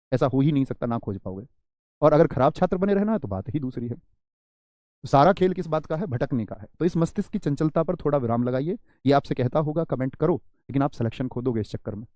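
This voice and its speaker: A male grammar teacher lectures his online class with lively, drawn-out stress on key words and friendly asides to his students. His voice sits a little high but sounds warm and mellow. The room is dry and close to the mic. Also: no room sound. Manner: animated teacher, stretches and stresses single words for emphasis.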